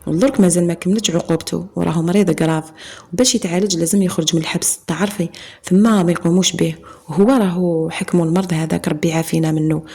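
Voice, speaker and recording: A woman's voice: on the low side, fairly even intonation, rapid-fire, creaky, mellow, breathy edge. A woman with an Algerian accent voicing a worried, apologetic middle-aged father in a told story. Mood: grave. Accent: Algerian Arabic. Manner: grave, apologetic. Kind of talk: storytelling narration.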